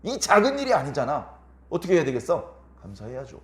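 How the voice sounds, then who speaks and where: A male pastor delivers a Sunday sermon with a lively, swooping delivery that sits slightly high. He keeps firing rhetorical questions at the congregation and slips into little acted-out quotes. The sound is roomy, with the echo of a church sanctuary around him. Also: fairly quick. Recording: echoey church room.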